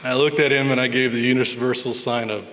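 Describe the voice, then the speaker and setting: A man's voice: medium pitch, fairly even intonation, fast, very noisy. A man, a physician, telling patient stories in an earnest conference talk, often repeating words as he thinks. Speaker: neurologist giving a conference talk. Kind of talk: storytelling conference presentation. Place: large conference hall. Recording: reverberant hall sound.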